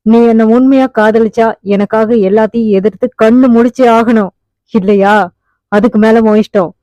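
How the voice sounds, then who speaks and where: A woman's voice: on the high side, fairly even intonation, moderate pace, warm tone, no echo, close to an everyday voice. A woman voicing a desperate young husband. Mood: pleading. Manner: pleading then commanding. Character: anguished young husband, fierce when roused. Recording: dull, muffled audiobook recording.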